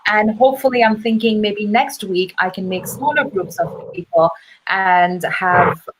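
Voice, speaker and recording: A woman hosts a casual live English class. Her pitch sits in the middle, and she uses clear, simple phrasing in an encouraging, teacherly way. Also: a little slow, heavy background noise.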